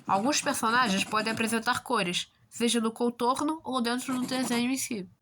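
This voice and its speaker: High-voiced Brazilian woman with a sore throat. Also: fairly even intonation, moderate pace, noisy background. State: sore throat, slightly odd swollen-throat voice. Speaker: video narrator explaining fictional lore. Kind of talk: scripted explainer narration with casual asides.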